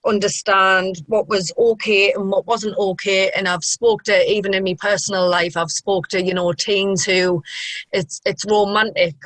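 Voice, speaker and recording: Young woman, strong Mackem accent from Sunderland, mid-pitched, earnest and discursive interview talk, dry recording. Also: a bit bright, dry recording, rough recording. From Sunderland, England. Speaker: sociology group member being interviewed.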